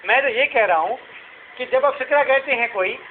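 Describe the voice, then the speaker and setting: A man teaching in a classroom, his voice pitched high and tinged. He explains patiently through repeated questions and everyday examples. The sound is thin and lo-fi, with a faint hiss underneath. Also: normal speed. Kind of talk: classroom lecture. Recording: tinny lo-fi classroom recording.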